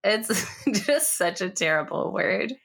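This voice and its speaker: A woman's voice: medium pitch, animated, takes it slowly, vocal fry, fairly bright tone. A woman guest on a casual podcast, still sick, joking and laughing a lot. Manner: laughs often, joking and self-deprecating.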